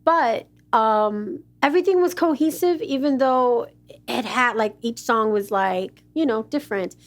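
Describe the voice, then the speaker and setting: A woman with a fairly high voice co-hosting an interview. She asks friendly questions and pauses with "um" as she works her way to the point. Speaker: interview co-host. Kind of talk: casual interview chat.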